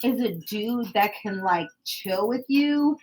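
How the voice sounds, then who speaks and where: A woman's voice: a little high, slow, darkish tone, slight background noise, rough recording. A woman co-hosting a casual podcast chat, blunt and sassy, laughing often. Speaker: podcast co-host.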